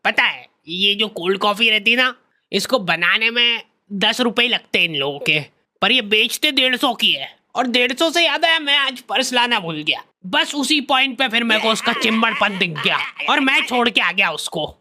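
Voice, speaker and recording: A woman's voice: a little high, expressive, normal speed, sharp tone. A woman voicing a boastful, self-styled love guru college senior man who lectures juniors in a comedy sketch. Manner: bragging, lecturing, self-important.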